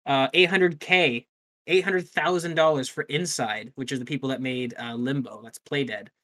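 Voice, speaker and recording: A man's voice: mid-range voice, fairly even intonation, normal speed, a bit bright. A man co-hosting a casual gaming news podcast, talking loosely, swearing offhandedly and often restarting his sentences. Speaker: podcast co-host.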